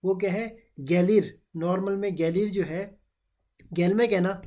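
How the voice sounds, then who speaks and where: A man teaching Turkish grammar in Urdu in an online class, explaining rules slowly and asking rhetorical questions. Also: high voice, fairly even intonation, dark tone. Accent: Pakistani Urdu.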